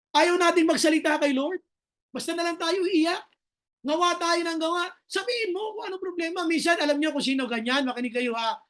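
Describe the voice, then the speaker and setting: A woman pastor with a Filipino accent preaching a sermon, switching between Tagalog and English, reading scripture slowly and telling humorous stories. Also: sits high, fairly bright tone.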